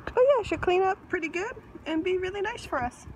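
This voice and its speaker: Woman, high voice, cheerful casual vlogger, outdoor phone sound from a distance. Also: expressive, fairly quick, slight background noise. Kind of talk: casual video diary.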